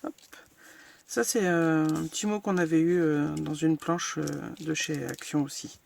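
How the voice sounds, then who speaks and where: Woman host of a casual crafting tutorial, gravelly delivery, frank and self-deprecating. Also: low-pitched, fairly even intonation, a little slow, darkish tone, a little hiss or hum. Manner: chatty, filler-heavy, narrates each step as she works.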